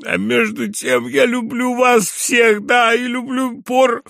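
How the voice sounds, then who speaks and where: A man voicing a drunken, self-pitying older general who pleads and shouts in a high, strained voice. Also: little pitch movement, slow pace, gravelly, no room sound, studio quality, heavily acted. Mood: drunk pleading.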